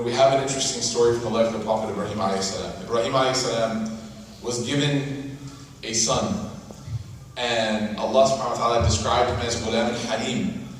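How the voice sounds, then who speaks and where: A man's voice: mid-range voice, a little hiss or hum. A man giving a conversational sermon-style lecture, often checking in with his listeners by asking "right?". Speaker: preacher. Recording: echoey hall from far off.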